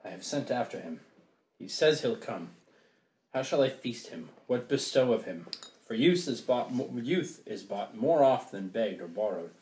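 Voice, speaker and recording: Reader doing a flustered lovesick noble lady, jumpy exclamations, lively pitch, echoey room. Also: moderate pace, close to an everyday voice. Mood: anxious. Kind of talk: amateur play reading.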